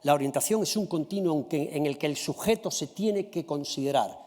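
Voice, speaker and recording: A man's voice: a little high, darkish tone. Spanish man lecturing in an echoing hall. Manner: addresses the audience politely, checking in with a quick "¿sí?" or "¿vale?". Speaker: conference speaker presenting a comparative study. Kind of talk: formal conference presentation.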